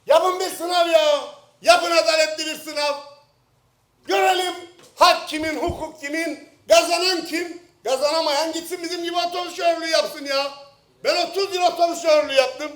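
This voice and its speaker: A middle-aged man with a Turkish Cypriot accent giving a heated parliamentary speech at a lectern microphone, swinging from low jabs to shouted outbursts. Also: steady tone, moderate pace. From Northern Cyprus. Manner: speaking at a lectern microphone in the chamber. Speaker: member of parliament. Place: parliament chamber. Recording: roomy chamber echo.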